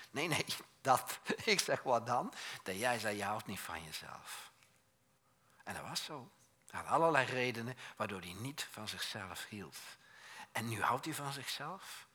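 Lively husky older man preaching. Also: lowish voice. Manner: lively, joking, storytelling with mimicked quotes; animated, plain-spoken. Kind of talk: sermon.

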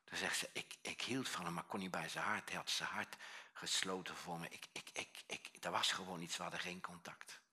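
A man preaching a sermon as pastor, telling stories with lively acted-out voices. He swings from hushed near-whispers to loud exclamations. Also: low-pitched, brisk, breathy edge. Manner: animated storytelling, acts out voices, swings from hushed to shouting.

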